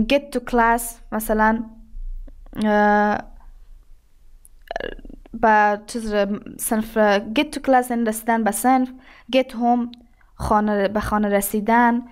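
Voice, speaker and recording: A woman teacher with an Afghan Dari accent and a slightly high voice. She says each example sentence slowly and carefully. She then moves briskly into her explanations. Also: clean tone. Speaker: English teacher. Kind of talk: explaining a language lesson.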